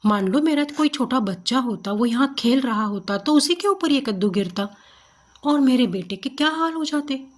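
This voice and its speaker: A woman's voice: high-pitched, animated, normal speed. A woman voicing a fearful, weepy young newlywed wife in a folk tale, telling her worries in an anxious, wailing way. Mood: alarmed.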